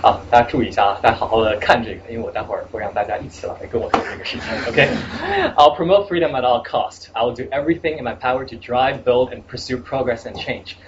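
Young guy speaker, halting, fillers, muffled recording with noise behind. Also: medium pitch. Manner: hesitant, many fillers, mixes in English words. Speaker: guest speaker at a salon. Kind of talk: casual live presentation. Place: event room before a small audience. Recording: muffled lo-fi live recording with steady background noise.

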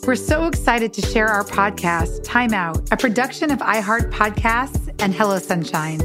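Woman promoting a podcast over music. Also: on the high side. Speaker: podcast host, author and attorney.

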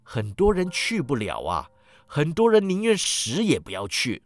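A man voicing a polite gentleman collecting for charity, who speaks calmly and courteously. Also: on the high side, a little slow, dry recording, exaggerated voice. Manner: calm, courteous.

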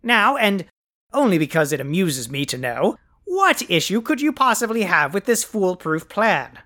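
A pompous, theatrical male supervillain , as a performer puts him on, lords it over his listeners with bombastic decrees and sneering insults. His voice is bright and cutting, and his temper flares easily. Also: medium pitch, very animated, moderate pace. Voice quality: bombastic, grandiose proclamations. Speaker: podcast host. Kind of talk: comic scripted podcast.

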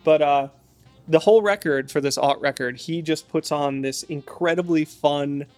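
A man's voice: a little high, normal speed, a little mellow, soft background music. A male singer chatting as a guest in an apartment interview, rambling and enthusiastic with plenty of fillers. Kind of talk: casual interview chat.

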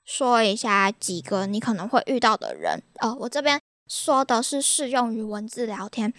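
Taiwanese-accented young woman host, high bouncy voice, dry close sound, chatty and exasperated storyteller. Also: big pitch swings, moderate pace, fairly bright tone, dry recording. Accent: Taiwanese Mandarin. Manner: chatty, exasperated, laughs at her own stories. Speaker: podcast host. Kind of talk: casual podcast storytelling.

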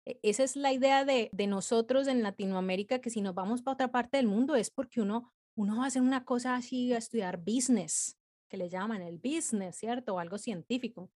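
Brief: woman in her thirties, interview guest, somewhat high voice, animated and chatty storyteller. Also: brisk. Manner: animated, chatty, frequent filler words.

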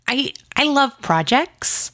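This woman's voice sits high and sounds animated yet slow-paced, with a fairly bright tone. She's an interview guest who created a podcast and pop culture site, chatting casually and enthusiastically with "like" peppered everywhere. The recording is dry and studio quality.

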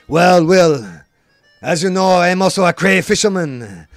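A man's voice: sits high, expressive, measured pace, gravelly, dry recording, clean studio sound, faint music behind, exaggerated voice. A man playing a drunken, boastful French retired footballer with a put-on French accent, rambling and pompous. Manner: pompous, tipsy, rambling, bursts of shouting. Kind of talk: comedic podcast bit.

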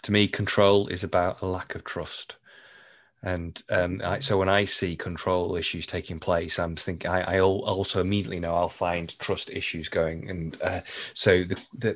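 A low-voiced man hosts a conversational interview. He speaks in a measured, reflective way, like a coach thinking aloud. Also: a bit bright. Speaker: podcast host.

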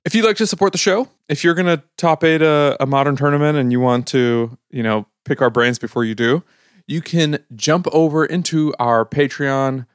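A man hosting a casual podcast, upbeat, reading patron shout-outs and plugs before card talk. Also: on the high side, normal speed, smooth, no room sound, clean studio sound. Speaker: podcast host.

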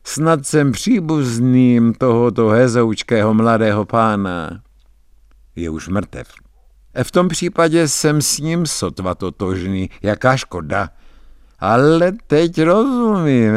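A man's voice: mid-range voice, smooth, no echo, clean studio sound, pitched above the performer's own voice, lightly acted. A man voicing a fawning, overly polite old male traveling wine salesman in a dramatic radio story reading.

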